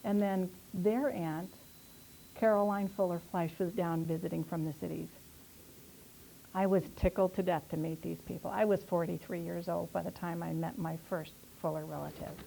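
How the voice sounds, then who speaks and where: A woman's voice: on the low side, fairly even intonation, moderate pace, creaky, warm tone, slight background noise, rough recording. A middle-aged woman, an author giving a chatty, story-driven history lecture to a local audience. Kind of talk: casual public lecture. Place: historical society meeting room.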